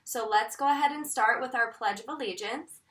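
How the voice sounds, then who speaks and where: High, singsong American woman teaching little kids. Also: sharp tone. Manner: singsong, encouraging, drawn-out emphasis for small children. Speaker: preschool teacher leading circle time. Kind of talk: children's lesson with call-and-response. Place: indoor room at home, in front of wall board. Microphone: camera a couple of metres away. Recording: roomy echo, distant microphone.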